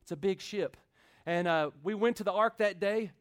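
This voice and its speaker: Male pastor, high-pitched, rhythmic call-and-response sermon delivery. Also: moderate pace. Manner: swings from loud build-ups to quiet intimate talk.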